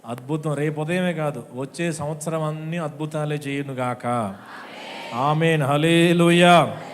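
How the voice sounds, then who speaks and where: A man's voice: fairly high pitch, fairly even intonation, moderate pace, a little hiss or hum. A man pastor with an Andhra Telugu accent, preaching at a watch night church service, calling out questions to the congregation and acting out the voices he quotes. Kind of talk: sermon.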